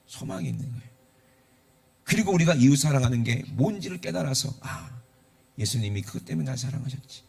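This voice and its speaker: Middle-aged pastor, gravelly, animated sermon delivery. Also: male voice, mid-range voice, fairly quick. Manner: conversational preaching with rhetorical questions and acted quotes.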